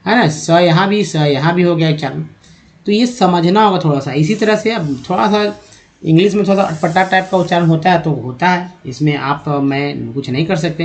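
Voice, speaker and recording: Man from India, raised-pitch teaching voice, patient step-by-step explainer for an online phonics class. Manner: explaining step by step, asking the viewer questions. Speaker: English teacher. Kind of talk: spoken phonics lesson.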